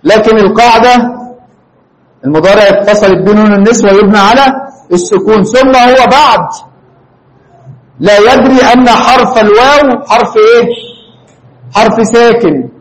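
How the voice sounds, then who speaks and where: Grammar teacher, male, Egyptian Arabic accent, high-pitched voice, drills the class with rapid questions. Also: poor audio. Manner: questioning, prompts students for answers. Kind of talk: classroom lesson.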